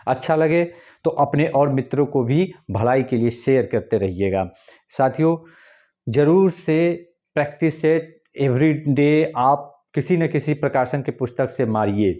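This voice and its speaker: A man's voice: mid-range voice, warm tone. A man or teaching an exam-prep lesson, repeating key points and spelling words out syllable by syllable. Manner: addresses viewers as friends, urges them to pay attention.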